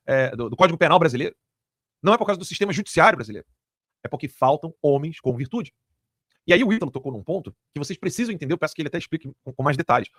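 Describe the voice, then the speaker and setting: A man's voice: mid-range voice, a bit bright, no room sound. A man hosts a live studio show and talks at a racing clip. His delivery is heated and emphatic, driving his points home by repeating them. The sound is close and dry. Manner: rapid, emphatic, repetitive, crude jokes. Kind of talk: heated political commentary.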